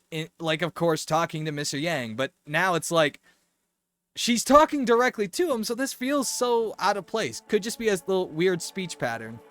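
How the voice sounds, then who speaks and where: A man streaming a game and reacting to it, excitable and incredulous, rambling through his thoughts aloud. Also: high-pitched, dry recording. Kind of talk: let's-play commentary.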